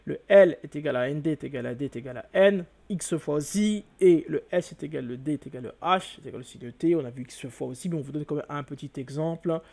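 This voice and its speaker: Talking fast with hardly any pauses, a hieroglyphs channel host runs a step-by-step video lesson in a fairly high, gravelly, darkish voice. He keeps exclaiming and repeating key words, and he repeatedly questions the listener and supplies the answers himself.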